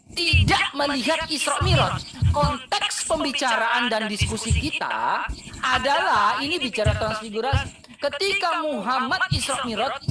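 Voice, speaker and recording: Male debater, very high voice, combative and insistent, distant mic, heavy crowd noise. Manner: argumentative, keeps calling his opponent by nickname, sometimes shouting. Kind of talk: heated religious debate.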